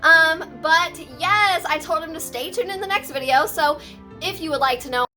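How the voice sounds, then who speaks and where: A high-pitched woman hosts a casual haul vlog with hyped, announcer-like gushing. She is playful and sassy, rambling to her viewers over background music. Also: normal speed, sharp tone. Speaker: host of a personal video channel. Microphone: on camera with ring light.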